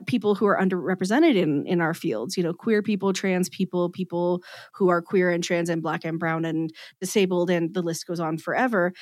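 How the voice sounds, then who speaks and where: Woman podcast host, mid-pitched, talkative, joking at her own expense. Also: no room sound. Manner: chatty, animated, self-deprecating humor. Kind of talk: casual interview.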